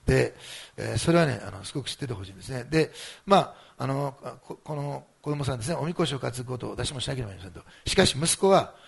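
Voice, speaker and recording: Fast-talking gravelly pastor, a man. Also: mid-range voice, animated. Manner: conversational, many fillers like ano and ne. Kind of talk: sermon.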